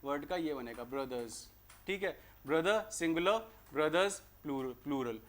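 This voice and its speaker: High-voiced Indian man teaching grammar. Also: expressive. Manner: explains in Hindi, reads English sentences slowly and deliberately; asks and answers his own rhetorical questions. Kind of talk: exam-prep grammar lesson.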